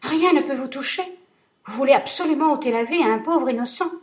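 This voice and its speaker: A woman's voice: sits high, fairly quick, far from the mic, voice pushed up, close to an everyday voice. A woman voicing a frightened male merchant who pleads for his life in a trembling, raised voice. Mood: pleading.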